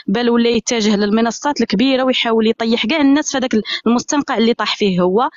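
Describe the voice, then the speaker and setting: A woman with an Algerian Arabic accent pours out her grievances at a breakneck pace in a high, insistent voice. She comes through a phone on a live call, with dull, lo-fi audio in a dry space. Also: no echo. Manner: rapid, aggrieved and insistent. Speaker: guest on a live stream. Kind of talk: casual live-stream chat.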